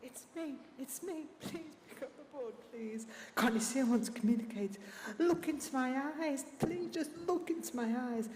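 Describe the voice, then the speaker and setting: A woman's voice: sits high, expressive, normal speed, darkish tone, a little hiss or hum. A woman voicing the pleading inner thoughts of a frightened woman who is paralysed and trapped inside her own body, as a recorded dramatised monologue. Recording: echoey hall playback with long reverb.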